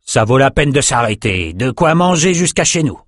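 A man's voice: medium pitch, very animated, moderate pace, a bit bright, no echo, studio quality, pitched above the performer's own voice. A man voicing a brutal, proud raider king who barks commands. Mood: commanding. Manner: commanding orders.

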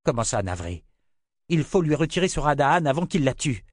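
A man voicing a young male lord who speaks urgently and forcefully. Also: medium pitch, moderate pace, no room sound, clean studio sound, pitched above the performer's own voice, natural voice.

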